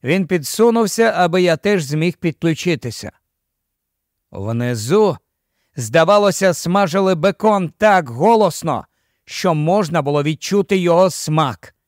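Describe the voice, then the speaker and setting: A man reads a novel aloud in the first person, with a measured storytelling delivery. His voice is fairly high for a man. It is recorded close on the mic, dry and free of room echo. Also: animated. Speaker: audiobook narrator. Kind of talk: scripted first-person audiobook narration.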